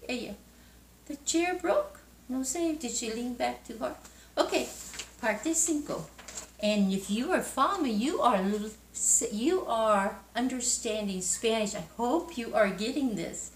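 Slow, high-voiced teacher in an echoey room. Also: female voice, lively intonation, slight background noise. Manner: mixes Spanish and English, explains to children. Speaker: Spanish teacher. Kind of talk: reading a story to a class and teaching. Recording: roomy echo, mic at a distance, faint music.

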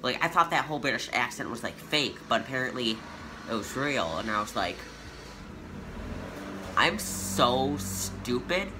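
A teenage boy vlogger tells a casual storytime to his channel over music, his medium-pitched voice brisk, youthful and animated. He's chatty and leans heavily on fillers, saying "like" again and again.

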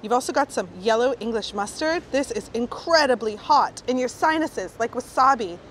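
A woman's voice: on the high side, animated, normal speed. A woman guiding a food tour, talking in a chatty, enthusiastic way. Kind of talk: guided food vlog. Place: outdoors and inside small food shops. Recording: noisy street background.

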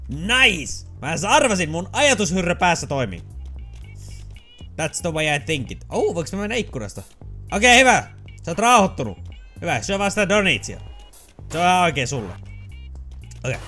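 Faint music plays behind a high-pitched man doing excitable, casual let's play commentary on a video game. There are long pauses, and he swears, yelps and drops into English phrases.

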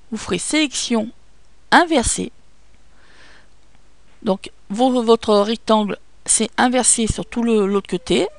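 A French-accented woman talks slowly through a photo editing lesson, pausing often with fillers and telling listeners to take their time. Her voice sits a little high with a gravelly edge, recorded dry and close at a computer. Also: no room sound. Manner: patient, hesitant, many fillers. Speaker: software tutorial presenter.

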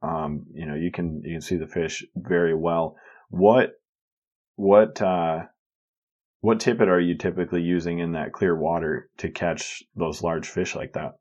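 Low-voiced male podcast host. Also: level tone, unhurried, darkish tone, highs cut off. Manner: easygoing, brief acknowledgments. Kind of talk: interview questions.

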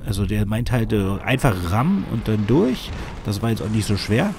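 Fighting a cold and sniffling, a gaming YouTuber comments on the game he's playing in a rambling, hesitant way packed with fillers. His fairly low, creaky voice is expressive and moves at a moderate pace against a noisy background.

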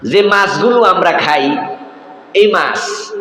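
A man's voice: sits high, lively intonation, takes it slowly, pushed and bright, echoey room, in a large hall, poor audio. A man delivering a sermon with a Bangladeshi Bengali accent, quizzing the crowd and building to exclamations. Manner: preaching with call-and-response questions to the crowd, rising exclamations. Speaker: preacher. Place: religious gathering before a crowd.

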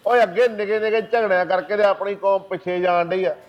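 A man playing a teasing, smooth-talking kite-string seller in a comedy sketch. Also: high-pitched, fairly even intonation, a little fast, muffled recording, faint music behind, close to an everyday voice. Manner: salesman patter, teasing.

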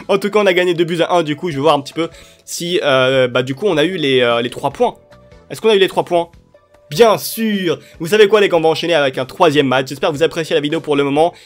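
A young man giving excitable, chatty commentary over his football video game matches, cheering at goals. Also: on the high side, fast talker. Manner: excitable, cheers and shouts at plays. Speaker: gaming YouTuber. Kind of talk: live gameplay commentary. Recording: light music underneath.

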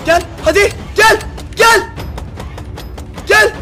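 Excitable high-pitched young man gaming. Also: drawn-out words. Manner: excitable, shouting, addresses viewers as friends. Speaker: gaming video creator. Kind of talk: excited gameplay commentary. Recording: loud music over the commentary.

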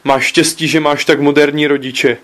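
A man reading aloud voices a suspicious, excitable father who raises his voice in indignant outbursts. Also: on the high side, natural voice. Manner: loud, indignant, shouting outbursts.

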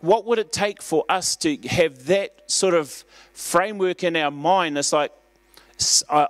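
A man's voice: fairly high pitch, no room sound. A man preaching a sermon in a church, in an earnest, conversational way, pushing up for emphasis. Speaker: pastor.

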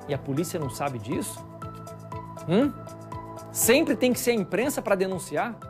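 A man's voice: sits high, very animated, moderate pace, over music. A male news anchor with a Brazilian accent, commenting in a conversational, indignant way in a TV studio, asking rhetorical questions. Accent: Brazilian Portuguese.

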